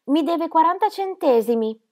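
A woman's voice: very high-pitched, expressive, normal speed, gravelly, darkish tone, pitched above the performer's own voice, heavily acted. A woman voicing a bold, ragged street boy. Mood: cheeky.

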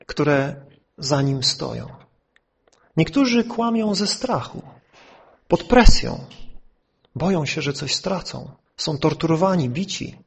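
A man's voice: high-pitched, creaky, husky. A male pastor preaching a sermon, telling anecdotes and acting out the voices in them.

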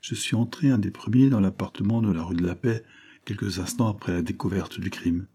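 Un homme qui prête sa voix, dans un livre audio, à un agent de police franc et enthousiaste, au ton ardent et sincère. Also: male voice, sits low, a little fast, warm tone, breathy edge. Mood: earnest, eager. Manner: frank, enthusiastic, earnest. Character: eager, outspoken male police agent. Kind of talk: audiobook character reading.

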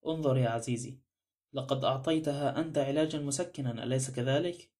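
A man's voice: medium pitch, quick pace, darkish tone, natural voice. A man voicing a blunt, suspicious male former detective in an audiobook drama, pressing others with pointed questions. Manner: blunt, probing.

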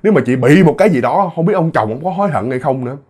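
A man tells a ghost story in a loose, chatty manner, talking straight to his listeners. His voice sits a little higher than most men's, and he repeats words for effect. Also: lively intonation, very fast, darkish tone. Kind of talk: casual spoken storytelling.

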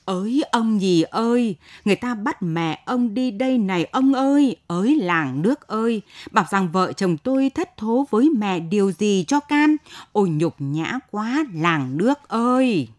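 A woman reading a storybook performs a middle-aged village wife throwing herself into a loud lament. She wails at the neighbours, her voice climbing high and carrying far. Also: lively intonation, measured pace, lightly acted. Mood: wailing.

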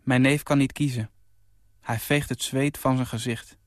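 Young male writer, mid-pitch, calm narrator, dry studio sound. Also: moderate pace, no echo. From Netherlands. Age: 20s. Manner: calm, even storytelling, lifting his voice for the quoted lines. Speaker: short story writer. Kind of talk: reading his own short story.

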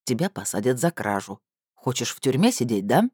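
A woman voicing a stern, sarcastic man, low and cold. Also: very animated, a little fast, darkish tone, breathy edge, no echo, studio quality, full character voice. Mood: menacing. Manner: lowered, cold, hissing delivery. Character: stern, sarcastic middle-aged man, accusing. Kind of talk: audiobook character voice.

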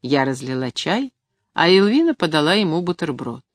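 A woman reading a novel in the first person with calm, even storytelling, close to the mic. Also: low voice, normal speed, no room sound. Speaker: audiobook reader. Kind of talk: scripted narration.

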